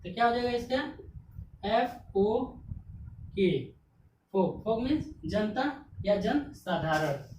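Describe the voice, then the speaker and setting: A woman teaching English grammar classroom-style speaks slowly with lively intonation, her voice a little high and darkish in tone. She spells words out letter by letter and answers her own questions. The recording was made in an echoey room with a distant mic and faint noise.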